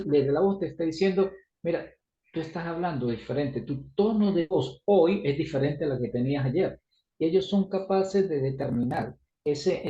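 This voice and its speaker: A man's voice: on the high side, mellow, reverberant, highs cut off. A man preaching on a Bible passage in a conversational way, full of restarts and tag questions, acting out little dialogues. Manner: acts out dialogue in shifting voices. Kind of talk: Bible study sermon.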